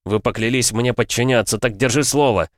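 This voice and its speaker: Man doing a hoarse, enraged wounded warrior. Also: medium pitch, a little fast, no echo, studio quality, pitched above the performer's own voice, lightly acted. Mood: furious. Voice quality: hoarse, growling. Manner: barking, enraged. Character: wounded furious young male warrior, hoarse. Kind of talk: audiobook character voice.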